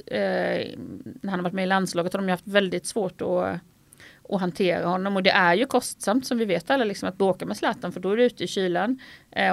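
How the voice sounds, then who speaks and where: A woman's voice: lowish voice, creaky, dry recording. A middle-aged woman from Sweden, a sports journalist speaking frankly and animatedly as an interview guest. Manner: forthright and animated, tells anecdotes. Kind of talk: interview conversation.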